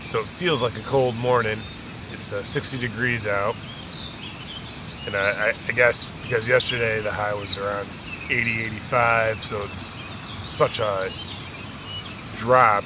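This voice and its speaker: Chatty man with noisy outdoor camera audio. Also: lowish voice. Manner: relaxed, chatty with frequent fillers. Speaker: vlogger. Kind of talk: casual outdoor vlog. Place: outdoors at a campsite and on a bike trail. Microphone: camera on a tripod, action cam while riding. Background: outdoor ambience.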